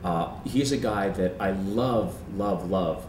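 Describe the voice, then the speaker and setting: Deep-voiced man in a roomy interview. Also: takes it slowly, a little hiss or hum. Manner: earnest, animated, repeats words when keen. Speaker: comedian guest. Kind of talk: casual interview talk. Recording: roomy sound from a distant mic.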